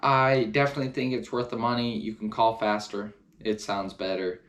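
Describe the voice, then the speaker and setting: A man's voice: fairly low pitch, level tone, moderate pace, fairly bright tone. A man talking casually to camera as he reviews hunting gear, enthusiastic and repeating words for emphasis.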